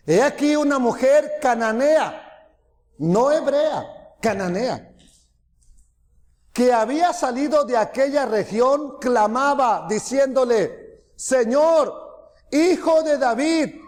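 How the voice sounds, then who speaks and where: A man preaching a sermon, animated, raising his voice to loud cries when quoting and dropping low for asides. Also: big-room sound.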